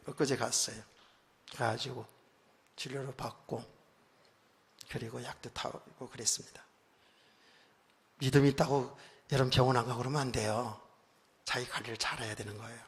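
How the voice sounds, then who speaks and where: A male pastor preaching a conversational sermon, telling stories with frequent asides, moving from quiet remarks to loud emphatic bursts. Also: medium pitch, steady tone, normal speed, vocal fry, long pauses, husky. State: recently worn out and hoarse. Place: church sanctuary. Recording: long church hall reverb.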